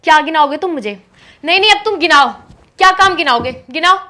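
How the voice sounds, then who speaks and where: An actress playing a quick-tempered young woman arguing with her live-in partner, sharp and scolding. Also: very high voice, expressive, exaggerated voice. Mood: angry. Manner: sharp, scolding, turns to pleading. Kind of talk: scripted short-film acting.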